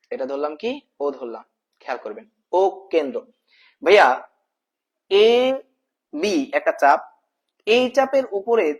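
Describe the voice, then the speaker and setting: Here a high-voiced math tutor gives a relaxed spoken lesson. He goes over each term repeatedly, quizzes the viewer, and keeps calling them brother.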